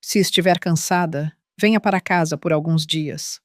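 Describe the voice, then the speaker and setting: A woman voicing a calm, caring mother with a warm, slow way of speaking. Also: deep voice, no room sound, clean studio sound, natural voice. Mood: gentle concern. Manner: soft, unhurried and caring. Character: gentle calm mother of a grown daughter.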